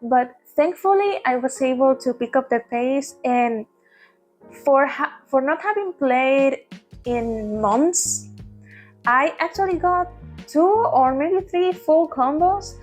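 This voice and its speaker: A woman's voice: high voice, animated, slow, faint music behind. A woman vlogging in a casual ramble, laughing often and restarting her words, recorded on a tablet at home. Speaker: vtuber vlogger. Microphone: tablet mic.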